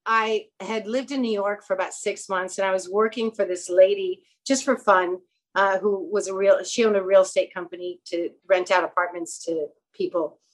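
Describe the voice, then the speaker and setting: A woman's voice: mid-range voice, normal speed, poor audio. A woman, a guest who acts and runs a clothing store, telling rambling anecdotes in a casual interview. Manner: animated, rambling anecdotes with quoted dialogue.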